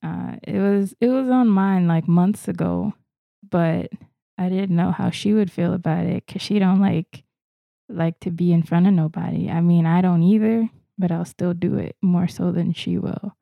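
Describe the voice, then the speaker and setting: A woman's voice: lowish voice, normal speed, vocal fry, no room sound, phone-quality sound. A woman from Florida with an American accent, chatting casually as a podcast co-host. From Florida, United States. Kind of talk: casual chat, self-introduction.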